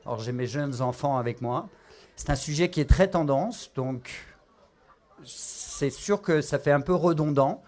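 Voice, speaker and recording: This chef is a middle-aged man from France whose Parisian accent comes through as he explains a cooking demo. His pitch is medium with a darkish tone, and his speech is full of fillers and false starts.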